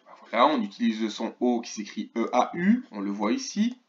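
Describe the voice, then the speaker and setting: A man teaching a remote lesson to first graders, slowly and clearly sounding out words and asking the class questions. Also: medium pitch, sing-song, dull audio, a little hiss or hum. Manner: slow, clearly articulated, stretches key words; asks questions of an absent class. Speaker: primary school teacher.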